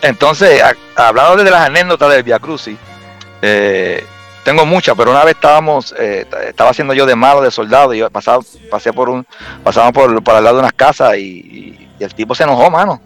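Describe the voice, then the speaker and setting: A man's voice: medium pitch, animated, a little fast, fairly bright tone, faint music behind. A Puerto Rican man telling stories in casual chat, full of fillers and restarts. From Puerto Rico. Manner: storytelling with many fillers and restarts. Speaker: guest.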